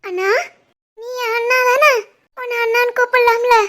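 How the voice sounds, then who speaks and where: A woman's voice: extremely high pitch, fairly even intonation, moderate pace, a bit bright, pitched above the performer's own voice. A woman voicing a cheeky, playful young sister who teases her brother, with a Kanyakumari Tamil accent, in a cartoon family drama. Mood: teasing. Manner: playful, teasing.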